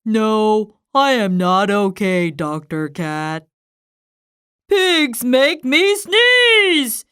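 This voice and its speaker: A woman voicing an anxious, melodramatic male elephant with a cold, sneezing and halting as she reads a storybook aloud. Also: high voice, sing-song, a bit bright, no room sound, studio quality, full character voice. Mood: miserable. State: sneezing, stuffy.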